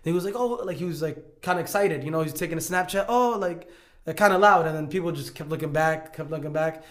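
Talking fast in a slightly high voice, this man, a guest on a podcast, animatedly recounts a story in casual conversation, tripping over and repeating words as he imitates other people.

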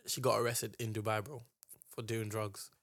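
A man's voice: lowish voice, little pitch movement, normal speed, fairly bright tone, no room sound. Slangy young London roadman-style man, dry close sound. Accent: London, urban roadman slang style. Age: young adult. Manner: slangy, emphatic, exclamatory. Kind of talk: casual banter.

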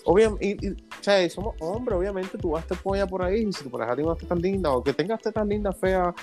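A man's voice: fast talker, over music. Blunt, profane man. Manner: blunt, profane, animated, mimics women in high voice. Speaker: podcast co-host. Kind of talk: casual chat.

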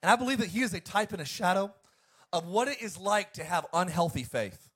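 A man's voice: high voice, animated, a little fast, slightly rough. A male pastor preaching an emphatic sermon to his congregation. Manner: emphatic, preacherly, swings between loud and quiet.

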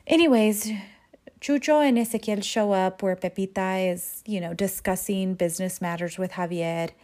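Mellow-voiced woman recapping a telenovela. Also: normal speed. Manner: animated, acts out characters' lines with big pitch jumps. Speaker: recap host. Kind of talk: casual profane episode recap.

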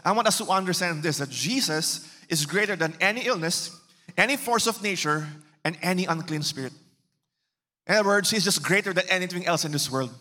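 A man's voice: high-pitched, brisk, bright, forceful tone. A man with a Cebuano Filipino accent preaching a sermon to a church, switching between English and Bisaya and asking the congregation rhetorical questions. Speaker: pastor. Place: church hall. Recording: reverberant church hall.

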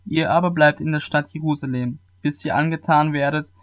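Man reading scripture aloud, slightly high. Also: fairly even intonation. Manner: measured reading with occasional small restarts.

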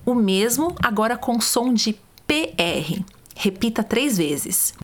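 A woman, calmly guiding listeners step by step through vocal warm-up exercises. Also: on the high side, slow pace, slight background noise. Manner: calm, step-by-step, demonstrates sounds. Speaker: voice coach. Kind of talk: guided vocal warm-up instructions.

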